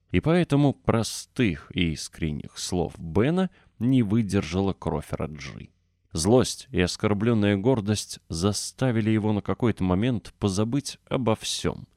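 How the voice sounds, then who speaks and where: A man narrating an audiobook in a steady, expressive storytelling manner. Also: low voice, no echo, clean studio sound.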